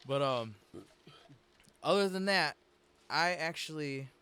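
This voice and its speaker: A man hosting a casual interview, relaxed and agreeable as he asks his questions. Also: fairly high pitch, takes it slowly, smooth. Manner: laid-back, agreeable, says "exactly" a lot. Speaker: interviewer, show host.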